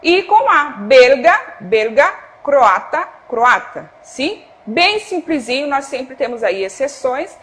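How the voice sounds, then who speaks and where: A Brazilian Portuguese-accented woman teaches a broadcast class in a high, bright voice. She keeps checking in with short "ok?" and "tá?" tags and calls instructions to a producer off camera. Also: very animated, takes it slowly, hardly any pauses. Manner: checks in often with "tá?" and "ok?"; gives cues to a producer off-camera. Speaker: Spanish teacher. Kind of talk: televised classroom explanation.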